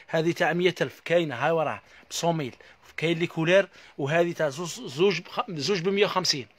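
A man with an Algerian accent giving a live sales pitch in a shop, repeating prices and stock blessing phrases as he hawks his goods. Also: dry recording. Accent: Algerian Arabic. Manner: rapid, repetitive hawking with stock blessing phrases. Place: inside a household goods shop.

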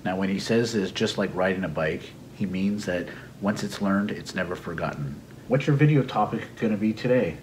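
A middle-aged English teacher and video host gives a casual, explanatory idiom lesson with a teasing streak from a small home room at his computer desk. His deep voice moves at normal speed with hardly any pauses, over a little hiss or hum.

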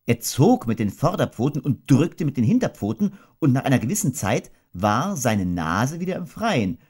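A man narrating a children's audiobook in a gentle, measured storytelling manner. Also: medium pitch, very animated, husky. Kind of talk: scripted children's book narration.

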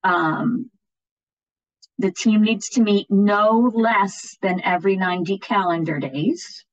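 A woman with a medium-pitched voice presents an informal training webinar with slides for education officials over an online video call. She speaks slowly and plainly, explaining things and frequently checking in with listeners. The audio has no room sound and the highs are cut off.

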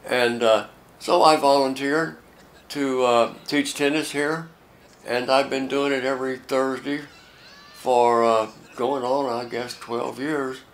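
A very old American man in his late eighties, talking reflectively in an interview, halting and repeating words as he goes. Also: medium pitch, fairly even intonation, a little hiss or hum. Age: late 80s. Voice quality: very old man's voice. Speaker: volunteer youth tennis coach.

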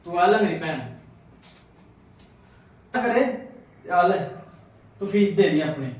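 An actor playing a kind grown son who calmly defends a maid's daughter and reassures her. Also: high-pitched, slow pace. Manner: calm, soothing, gently pleading. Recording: echoey room, voice from a distance.

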